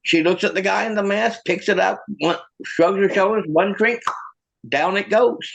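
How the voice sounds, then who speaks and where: Gravelly high-voiced male stand-up comic. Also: normal speed. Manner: rambling, stammering setups. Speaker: stand-up comedian. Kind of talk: stand-up joke set.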